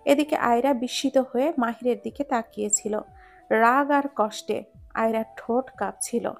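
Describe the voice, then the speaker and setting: A woman narrating a romantic story in a steady storytelling read. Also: on the high side, moderate pace, vocal fry, soft background music. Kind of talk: scripted narration.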